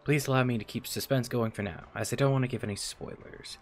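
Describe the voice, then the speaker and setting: An eager male merchant of dreams pitches his wares in a bright, upbeat patter, as a streamer reads his lines aloud. The voice sits at an ordinary middle pitch, with no heavy character put on. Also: steady tone, fast, a little hiss or hum, natural voice. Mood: salesy. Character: smooth-talking male dream salesman. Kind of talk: reading game dialogue aloud.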